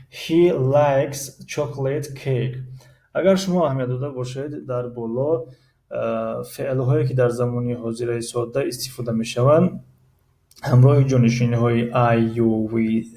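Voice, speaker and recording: Gravelly, warm-voiced Tajik man teaching. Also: mid-range voice. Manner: slow, careful reading of English example sentences with many hesitation sounds. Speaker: English teacher. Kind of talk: grammar lesson explaining in Tajik.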